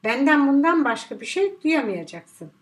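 A woman's voice: sits high, very animated, moderate pace. A woman reading the part of a defiant male gunman in an audiobook, spitting sneering taunts.

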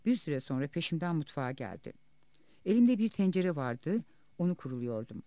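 A bitter, wounded woman cleaner tells her story quietly, voiced by a man reading an audiobook. The voice sits fairly high with a mellow tone, and the pitch moves a lot. The sound is dry and close. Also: sing-song, normal speed, no room sound, highs cut off. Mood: grim.

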